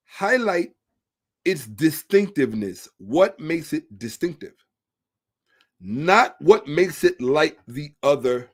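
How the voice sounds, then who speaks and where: A man's voice: fairly high pitch, slightly rough. A man hosting a social commentary monologue, emphatic and repetitive, asking rhetorical questions. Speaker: host.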